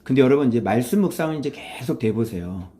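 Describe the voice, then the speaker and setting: A man's voice: mid-range voice, lively intonation, fast talker, mellow. A man preaching a morning devotional sermon in a conversational way, firing rhetorical questions at his listeners and acting out quoted voices. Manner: acts out quoted voices, switches to blunt informal speech. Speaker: pastor.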